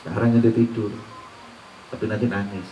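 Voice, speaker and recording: With a mellow, low-leaning voice, fairly even intonation and normal speed, a preacher gives an Islamic sermon that weaves Arabic recitations into colloquial teaching, punctuated by rhetorical questions to listeners. The recording is muffled and roomy, captured from a distance off-mic, with slight background noise.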